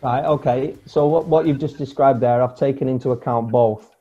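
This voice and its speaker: On a video call from his home, a former footballer in his forties talks as a guest at a moderate pace in a mid-range voice. His manner is relaxed and meandering, thick with fillers and restarts. The recording, made through an earphone mic, sounds dull and lo-fi with faint music underneath.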